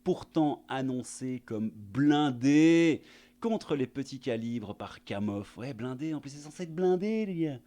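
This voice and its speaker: A man's voice: medium pitch, animated, unhurried, mellow. A man giving sarcastic, crude comedic news commentary as a YouTube host, full of fillers and asides.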